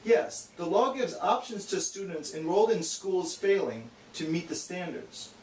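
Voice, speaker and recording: This man's high-pitched, animated voice has a darkish tone and moves a little slowly. He's the straight man of a puppet show, offering an earnest, matter-of-fact scripted educational explanation, captured in an echoey, distant recording with faint noise.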